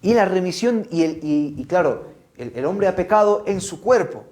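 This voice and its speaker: A Peruvian man talks to children in a lively, high voice, telling the story with plenty of energy. His pitch swings widely from phrase to phrase. He often adds tag questions and restarts what he is saying. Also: normal speed. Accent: Peruvian Spanish. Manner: animated storytelling, frequent "¿no?" and "¿ah?" tags; repeats words and restarts often. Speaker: catechist. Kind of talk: children's catechesis talk.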